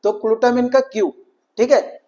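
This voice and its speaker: A man's voice: very high voice, fairly even intonation, slow, warm tone, highs cut off. A man giving an exam-prep lecture, switching between Hindi and English, asking questions and answering them himself. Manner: mixes Hindi and English, repeats "ठीक है" often. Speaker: teacher.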